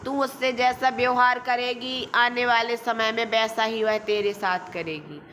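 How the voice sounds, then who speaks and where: A woman's voice: a little high, steady tone, measured pace, fairly bright tone, slight background noise. A woman doing a bossy elderly aunt, blunt and scolding. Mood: lecturing. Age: older. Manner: firm, scolding, outspoken.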